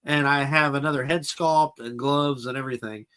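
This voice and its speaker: A man's voice: mid-range voice, steady tone, normal speed, sharp tone, clean tone. A man hosting a casual live chat about toys and films, answering viewers' comments as he goes. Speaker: toy collector channel host.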